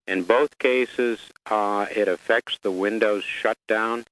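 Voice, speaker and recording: A man's voice: lowish voice, steady tone, takes it slowly, fairly bright tone, low-quality recording. A man calling in to a radio show, asking a hesitant, polite question.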